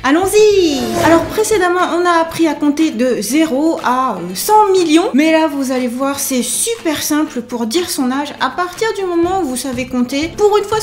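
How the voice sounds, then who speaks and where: A woman giving an online language lesson, upbeat and chatty, slowly and carefully repeating examples. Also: high-pitched. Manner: slow, careful repetition of examples. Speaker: language teacher.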